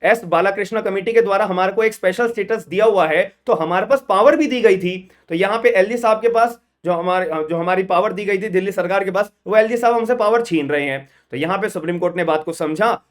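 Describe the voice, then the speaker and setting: A man teaching an online law exam lecture, emphatic and repetitive, often asking the viewers questions. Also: high voice. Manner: emphatic, repeats "thik hai ji", quizzes viewers.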